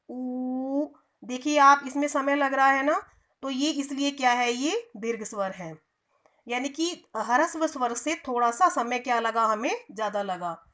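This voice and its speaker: A woman's voice: high-pitched, a bit bright. A woman teaching a grammar lesson to children, often asking questions and answering them herself, and stretching out sounds to demonstrate them. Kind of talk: online Hindi grammar lesson.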